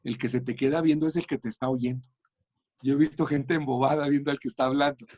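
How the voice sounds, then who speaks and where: Husky-voiced man explaining patiently. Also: mid-range voice, fairly even intonation, fast, darkish tone, no echo. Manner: thoughtful, with fillers and restarts. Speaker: education and language researcher. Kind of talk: explanatory interview talk.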